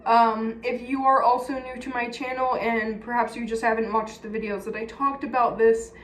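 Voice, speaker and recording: This personal vlogger, a woman from California, United States, speaks at normal speed in a slightly high, fairly bright voice with a level tone. Her Californian accent colors a candid, casual, blunt chat that confides in viewers. Faint background noise and echo fill the room.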